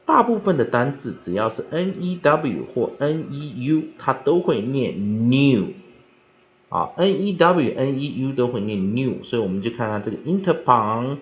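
A male teacher explains vocabulary at an unhurried pace, his pitch rising and falling a great deal. He drills each word slowly three times over. The recording sounds dull and lo-fi. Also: big pitch swings. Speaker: English teacher. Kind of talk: vocabulary pronunciation lesson.

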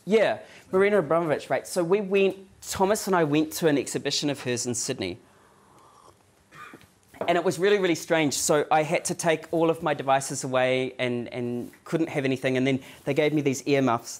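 A man's voice: fairly high pitch, moderate pace. Chatty New Zealand man lecturing. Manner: checks in with the audience by asking "Yeah?"; loose, rambling delivery with restarts and fillers. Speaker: guest lecturer. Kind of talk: conversational lecture. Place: office event space with a live audience.

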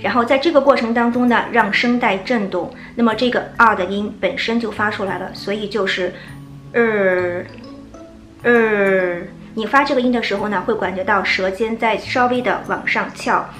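A woman whose first language is Chinese, teaching English pronunciation and slowly demonstrating sounds. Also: fairly high pitch, steady tone, fairly bright tone. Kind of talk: pronunciation lesson. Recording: echoey room with faint music.

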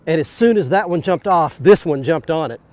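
Excited man narrating bass fishing from a boat. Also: fairly quick. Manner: excitable, exclaiming while fighting fish. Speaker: fishing show host. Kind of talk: excited on-the-water commentary. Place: bass boat on a lake, outdoors.

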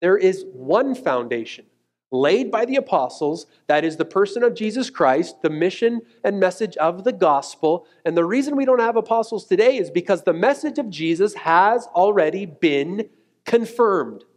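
Male pastor, 30s, on a church stage. Earnest emphatic sermon delivery, slightly high voice. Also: animated, a little mellow. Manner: earnest, emphatic preaching with slowed key words. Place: church stage, mid-size room indoors.

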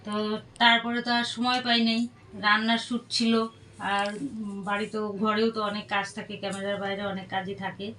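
A woman's voice: medium pitch, bright, forceful tone, a little hiss or hum. An older woman, chatting casually and homely in a family vlog. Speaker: vlogger.

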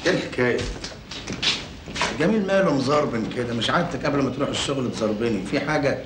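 A man's voice: medium pitch, lively intonation, fast, natural voice. An actor playing a scheming, boastful con man, speaking with an Egyptian accent in an old film. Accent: Egyptian Arabic. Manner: boastful, cocky, teasing. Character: scheming smooth-talking male con man. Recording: echoey film soundtrack with hiss.

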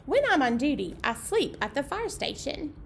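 In an indoor meeting room, a thirty-something children's librarian runs storytime for young children and their parents, keeping her words simple. She has a high, sing-song voice at a moderate pace, and background noise can be clearly heard.

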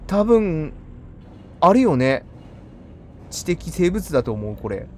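A man commenting on a horror game as he plays, muttering quietly and breaking into loud startled outbursts. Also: fairly high pitch, big pitch swings, slow pace, a little hiss or hum. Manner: muttering to himself, then loud startled outbursts and apologies to monsters.

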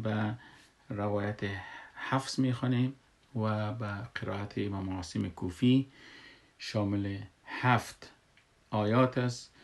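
A man's voice: fairly low pitch, creaky. Man with an Afghan Dari accent, teaching. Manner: patient, repeats words and examples to drill them. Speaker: Quran recitation teacher. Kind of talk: tajweed lesson.

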